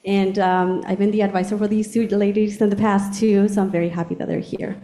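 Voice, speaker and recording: A woman's voice: mid-range voice, flat delivery, brisk, warm tone. A woman hosting a campus panel as assistant director, explaining points carefully and stressing what matters. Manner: explanatory, emphasizing key points. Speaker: host, assistant director of international education. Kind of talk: event moderation.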